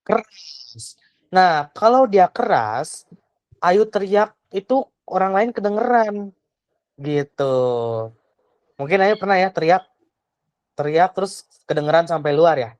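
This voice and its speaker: Her voice lowish and a little mellow, a young private tutor speaks slowly and animatedly to a child online, leaving long pauses. She questions patiently and trails off with "gitu," in a muffled recording with no echo.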